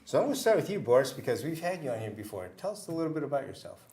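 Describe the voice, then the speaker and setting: A man hosting a community TV interview, asking his guests friendly, brisk questions. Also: medium pitch, sing-song, mellow. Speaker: host.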